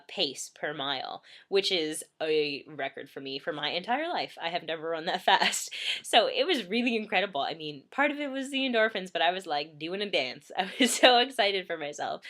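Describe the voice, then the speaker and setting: Lying in bed in her bedroom, a vlogger in her twenties talks casually, full of ums and small laughs, and sounds a bit congested. Her voice is on the low side, bright and forceful.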